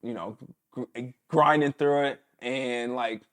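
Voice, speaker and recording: A man in his thirties, a former pro football player, telling stories in a casual interview and sometimes mimicking his coach's shouts. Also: mid-range voice, slow pace.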